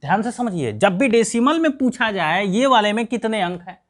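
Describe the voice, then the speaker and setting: A man's voice: high-pitched, animated, moderate pace. A man teaching a math lesson, asking questions and answering them himself, counting aloud step by step. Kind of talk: classroom lesson.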